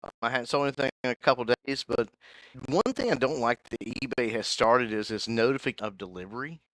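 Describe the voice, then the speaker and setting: A man's voice: medium pitch, a bit bright, no echo, rough recording. A man co-hosting a reselling podcast, chatty and teasing in casual conversation. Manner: chatty, teasing, quick to laugh. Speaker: podcast co-host. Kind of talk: casual chat.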